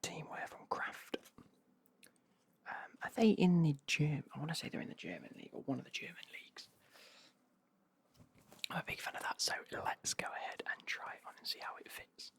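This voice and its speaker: Male ASMR host, breathy whisper with fry, rambling casual unboxing chat. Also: a little high, huge pitch swings, normal speed, pauses often. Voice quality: breathy whisper with creaky edges.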